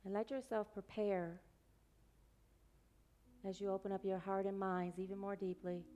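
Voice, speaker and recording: Soft-spoken woman leading a guided prayer. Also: medium pitch, little pitch movement, dull audio. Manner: slow, soothing, gentle. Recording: music playing behind the voice.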